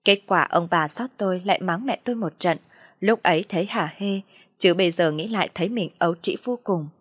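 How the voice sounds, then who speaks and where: Calm, low-voiced woman storyteller. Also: brisk, husky, no room sound, studio quality. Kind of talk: first-person story narration.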